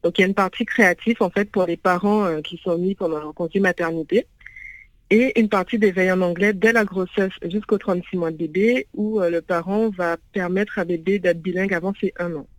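Over a low-quality, dry phone line, a native English-speaking woman with a voice on the low side talks a little fast with fairly even intonation. She is the founder of a parents' venue, a guest in a phone interview, and hesitates with lots of fillers.

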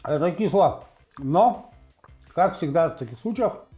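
Male food-tasting host, 40s, casual and halting, lapel mic in a kitchen, music behind. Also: on the high side, animated, dark tone. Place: indoor home kitchen. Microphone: lavalier clipped to T-shirt.

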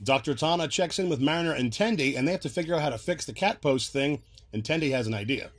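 A man's voice: on the high side, quick pace. Chatty man explaining references. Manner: chatty, laughs while explaining. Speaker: video host. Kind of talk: casual recap commentary.

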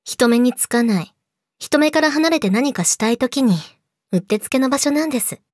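A young woman playing a yandere girlfriend in a role-play audio drama, politely sweet, possessive and menacing, slipping into breathy whispers, close to the mic. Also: sits high, lively intonation, normal speed, darkish tone, no room sound. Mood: calmly leading on. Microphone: close studio mic, dry.

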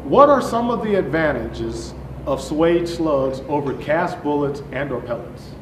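A middle-aged male host reads out numbered interview questions in an upbeat way. His voice is a little high. He is recorded by a camera mic in an echoey warehouse, with faint background noise. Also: lively intonation, unhurried. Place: large warehouse with shelving, indoors.

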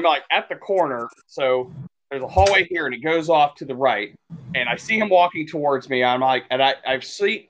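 A podcast co-host with a mid-range voice tells rambling stories in a casual chat about meeting people, getting animated as he acts out the quotes. The audio sounds dull.

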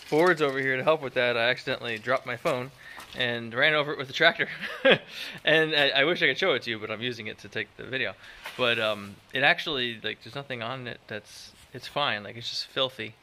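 Speaking casually and wandering a bit, this thirty-something vlogger uses fillers and pokes fun at himself while recording his house construction in a wooded site. He holds a phone at arm's length, and his medium-pitched voice has a sharp edge. There's a little background noise.

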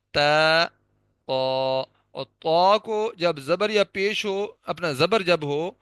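A man with a Pakistani Urdu accent teaching a tajweed lesson, patiently explaining and slowly repeating letter sounds for practice. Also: fairly high pitch, fairly bright tone, no echo, clean studio sound. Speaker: Quran recitation teacher.

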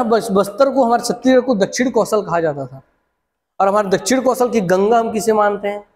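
A man's voice: sits high, a little mellow, long reverb tail. A man teaching an online exam-prep class, urging viewers on and repeating questions and answers.

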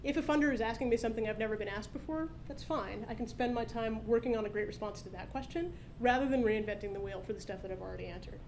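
Woman, thirties, quick upbeat product demo, fairly high voice, podium mic on a stage. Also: darkish tone, slight background noise, low-quality recording. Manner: brisk, explanatory, upbeat. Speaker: startup founder presenting a product demo. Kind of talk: live product demo presentation. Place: conference stage at a meetup, indoors. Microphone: podium microphone.

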